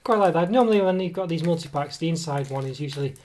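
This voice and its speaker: A food reviewer with a cold casually reviews a snack at an indoor table while his voice comes and goes. He's a fast talker with a fairly high, expressive, slightly mellow voice, rambling hesitantly with many fillers and self-corrections. The table camera mic adds a little hiss or hum.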